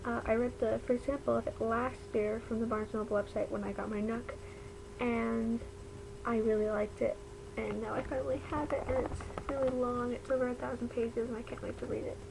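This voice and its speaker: A young woman with a fairly high voice chats casually in a bedroom vlog. Her words are slightly impeded by the retainer in her mouth, and she rambles informally. The webcam recording has clear background noise. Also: little pitch movement, fairly quick. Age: young adult. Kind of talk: casual vlog chat to camera. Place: bedroom at home.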